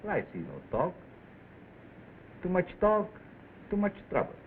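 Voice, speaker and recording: A very old, evasive shopkeeper speaks broken English, his pitch lively and jumpy. It is 1930s film acting in clipped phrases. The soundtrack is thin and noisy. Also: measured pace, phone-quality sound, exaggerated voice. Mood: stubbornly evasive. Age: older. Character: very old, evasive Chinese herb seller.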